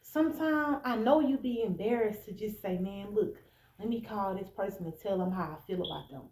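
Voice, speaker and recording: Speaking at a normal speed with a medium pitch and a slightly mellow quality, this American woman of roughly thirty-one talks directly to the listener. Her relationship advice is blunt, emphatic and casual, delivered as an informal monologue. Faint noise sits behind her in an echoey space.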